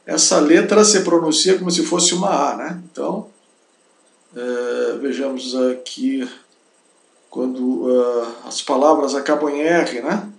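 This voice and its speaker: Here the German teacher's voice is mid-range and gravelly, his intonation fairly even and his pace unhurried. In this slow language lesson he repeats words several times and checks understanding with tag questions, against a roomy echo.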